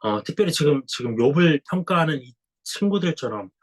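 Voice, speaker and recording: A middle-aged man with a cold, a pastor giving a slow, conversational Bible sermon and clearing his throat. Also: fairly high pitch, lively intonation, poor audio. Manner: slow, reflective Bible exposition with a warm conversational tone.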